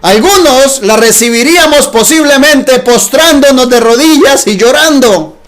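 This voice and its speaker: High-voiced male preacher, emphatic. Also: unhurried, fairly bright tone. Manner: emphatic, rhetorical questions to listeners. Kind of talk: sermon.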